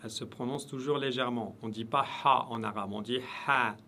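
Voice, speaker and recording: A man's voice: medium pitch, steady tone, fairly quick, pushed and bright, slight background noise. A man teaching Arabic letter pronunciation, repeating each sound in patient drills. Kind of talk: pronunciation lesson.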